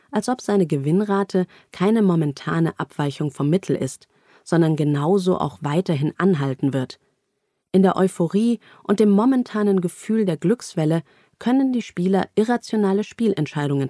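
Woman reading a nonfiction audiobook, calm and measured, dry close sound. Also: on the low side, dry recording. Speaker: audiobook narrator. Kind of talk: scripted nonfiction narration.

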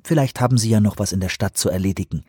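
A man's voice: fairly low pitch, rapid-fire, darkish tone, breathy edge, no room sound, clean studio sound. A man voicing a friendly, talkative woman working at an airport counter, for an audiobook. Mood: friendly chatty. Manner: cheerful, talkative.

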